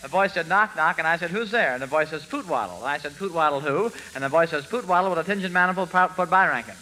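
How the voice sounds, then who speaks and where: A man's voice: on the high side, quick pace, slight background noise, rough recording. A man playing a bumbling, giggly professor in a 1940s radio comedy routine, garbling song lyrics into spoonerisms and laughing at his own jokes. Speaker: comic singer playing a professor. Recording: old radio broadcast with loud band music.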